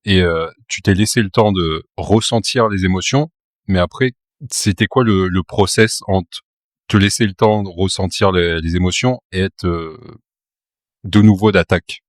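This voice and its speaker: Deep-voiced male podcast host. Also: moderate pace, dry recording, studio quality. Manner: asks calm follow-up questions, sums up the guest's points. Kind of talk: casual interview conversation.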